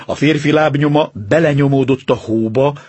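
A man voicing a calm, stern detective in an audiobook reading, explaining in a measured, authoritative way. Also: fairly high pitch, slightly rough, no echo. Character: calm, stern male detective, confident and precise.

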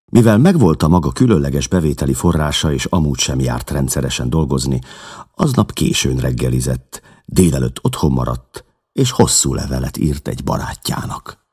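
Brief: very deep, husky male audiobook narrator, dramatic and expressive. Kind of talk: audiobook reading.

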